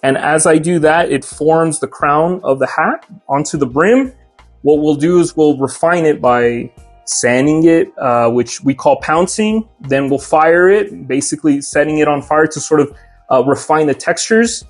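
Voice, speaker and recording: A young man talks through how he makes things in a relaxed, unhurried way, dropping plenty of fillers as he goes. His voice sits a little on the high side. Soft music plays underneath. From Mexico. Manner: relaxed, many "uh" fillers, explains his craft step by step. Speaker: hat maker and shop owner. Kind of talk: casual interview.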